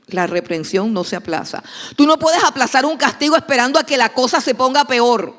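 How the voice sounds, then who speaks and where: A woman's voice: high-pitched, expressive, fairly quick, fairly bright tone. A woman pastor delivers a sermon. She speaks emphatically and repeats key lines to drive them home. Her voice carries a long echo, as if recorded in a large church hall.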